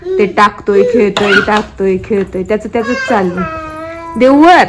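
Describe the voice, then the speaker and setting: A young woman chatting casually through a home vlog, talking softly and rambling about her day as a mother. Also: mid-range voice, fairly even intonation, moderate pace, background noise. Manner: chatty, soft-spoken, rambling asides. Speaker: vlogger and mother.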